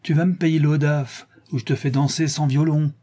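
A man's voice: fairly high pitch, fairly even intonation, normal speed, dark tone, pitched above the performer's own voice, lightly acted. A man voicing a brutal, thuggish male ex-convict bandit who snarls slangy threats in an audiobook reading. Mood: menacing.

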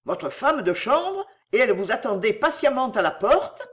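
An agitated young gentleman, jealous and tense, gives clipped orders with a lively rise and fall, as a woman reader voices him. He sounds wounded but holds himself in check, like a character in a read-aloud novel. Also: on the high side, moderate pace, pitched above the performer's own voice.

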